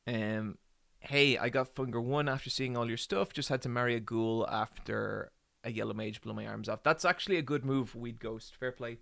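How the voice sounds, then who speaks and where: A man's voice: medium pitch, normal speed, vocal fry, a bit bright. A man in his forties chatting casually with his stream audience, joking and rambling with lots of ums. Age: 40s. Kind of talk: casual live-stream chat with viewers.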